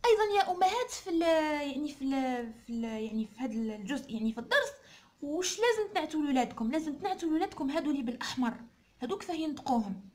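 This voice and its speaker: A woman with an Algerian Arabic accent explaining a French school book to mothers and pupils, slow and patient, saying each sound over and over. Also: high voice, slight background noise. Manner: slow, repeats words, spells French sounds aloud. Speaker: teacher explaining a French textbook.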